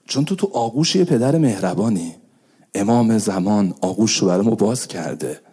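Male preacher, dark warm voice, sermon delivery swinging from soft intimate to impassioned. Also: mid-range voice, breathy edge. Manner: swings from hushed intimate pleading to raised cries. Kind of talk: religious sermon.

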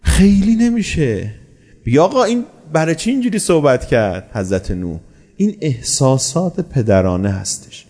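Lively, expressive male preacher. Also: a little high. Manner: rhetorical questions answered himself; animated storytelling. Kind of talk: sermon.

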